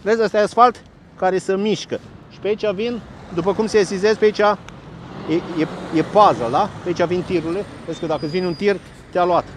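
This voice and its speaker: A man giving chatty, sarcastic commentary straight to his viewers while standing beside a busy road. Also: high voice. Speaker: local vlogger. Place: roadside by a busy road, outdoors. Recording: faint outdoor traffic noise. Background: passing traffic and trucks.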